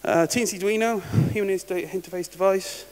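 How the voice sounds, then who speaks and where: A man's voice: high-pitched, fairly even intonation, fast, darkish tone. Wry man giving a conference talk. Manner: casual and wry, restarts words. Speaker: conference speaker. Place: large conference hall. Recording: reverberant hall with faint hiss.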